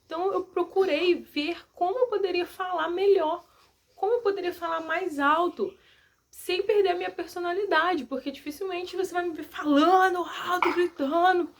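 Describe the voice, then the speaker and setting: Soft-spoken high-voiced woman. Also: moderate pace. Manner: soft-spoken, gentle and earnest. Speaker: vlogger. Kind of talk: casual advice to camera.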